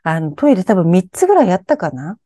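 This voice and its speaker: A woman's voice: on the low side, very animated, quick pace, mellow, no echo, clean studio sound. A woman telling her own strange, eerie experiences in conversation, animatedly acting out her startled reactions.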